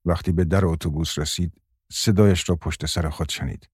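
A man narrating an audiobook in a calm, measured reading voice. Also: sits low, slightly rough, dry recording, clean studio sound.

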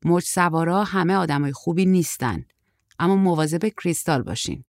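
A woman's voice: fairly low pitch, darkish tone, no echo, lightly acted. A woman voicing a brusque, terse middle-aged woman who talks in a dry, impatient way.

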